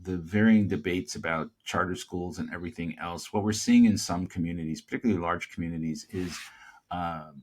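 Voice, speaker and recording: A male podcast host with a very low voice asks a guest long questions. He stops and restarts often and leans on fillers as he searches for his words. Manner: halting, many fillers, long winding questions. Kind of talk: interview questions.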